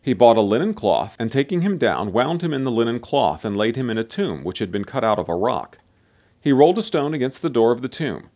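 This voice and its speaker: A man reading a Bible chapter aloud in a solemn, expressive way, with a lot of rise and fall in his voice. His pitch sits in the middle range for a man. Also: brisk. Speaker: scripture reader. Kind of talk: scripted Bible narration.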